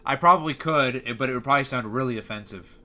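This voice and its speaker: A man's voice: mid-range voice, fast, pushed and bright. A young man chatting casually on a live stream, rambling and hesitant, with lots of fillers.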